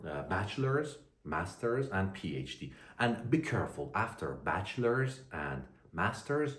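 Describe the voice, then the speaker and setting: A man teaching an English lesson to learners, speaking deliberately and repeating phrases for them to copy. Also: low voice. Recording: echoey room.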